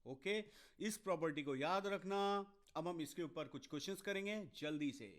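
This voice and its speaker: An online exam-prep maths lecture is led by a man whose voice runs on the high side. He goes step by step in a mix of Hindi and English with an Indian accent, speaking straight to students and dropping quick asides as he answers their comments.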